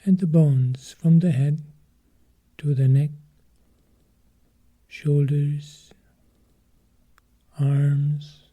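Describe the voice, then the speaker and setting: In a soft, breathy, husky voice pitched a little high, a man leads a guided meditation. He calmly offers short, measured phrases separated by long pauses.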